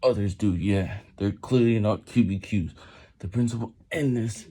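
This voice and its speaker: Dark-voiced man reading haltingly during push-ups. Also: on the low side, slightly rough. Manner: reading aloud while doing push-ups, effortful; halting, stumbling over words and repeating them. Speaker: amateur vlogger reading aloud. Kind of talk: reading a book aloud.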